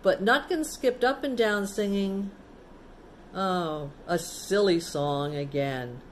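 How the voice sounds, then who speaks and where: Like a teacher with young pupils, a woman reads a picture book slowly and without hurry, pausing for chatty asides, simple explanations and questions to her listeners. Her voice is mid-range, with faint noise in the background.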